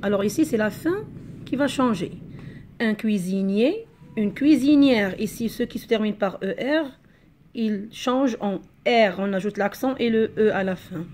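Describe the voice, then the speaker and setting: A woman's voice: medium pitch, normal speed, a little mellow, slight background noise. A woman teacher giving a patient grammar lesson to a class, walking through many examples.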